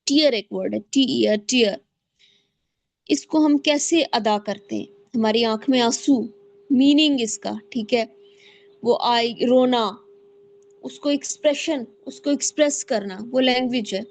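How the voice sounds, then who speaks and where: Woman, lecturer, fairly high voice, explanatory, restarts phrases. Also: unhurried, slight background noise. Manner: explanatory, repeats and restarts phrases, mixes in English terms. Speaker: guest speaker, child psychologist.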